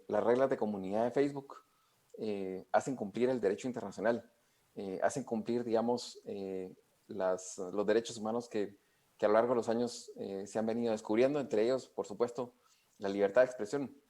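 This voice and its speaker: Man, guest expert, low voice, hesitant, explanatory. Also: darkish tone. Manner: hesitant, many fillers, explanatory. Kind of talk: interview answers.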